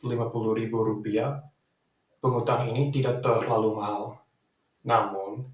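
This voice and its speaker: A man with an Australian accent is heard from a distance in a roomy, echoing space. He is a native English speaker speaking Indonesian as a foreign learner, carefully delivering a formal contest speech at a middling pitch. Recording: roomy echo, distant microphone.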